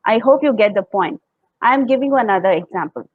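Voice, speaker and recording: This talk on public speaking is led by a woman with an Indian English accent who walks through it step by step, demonstrates tones by acting them out, and often laughs. She speaks quickly with lively intonation in a somewhat high voice. The audio is dry, narrow, and tinny.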